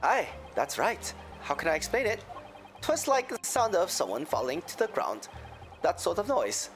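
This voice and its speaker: A man's voice: high-pitched, big pitch swings, moderate pace, soft background music. A man voicing a folksy, genial Irish moneylender in a courtroom game, with an Irish accent and a theatrical lilt. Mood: deferential, folksy. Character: folksy, smooth-talking Irish moneylender, genial male witness. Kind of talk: voiced reading of game dialogue.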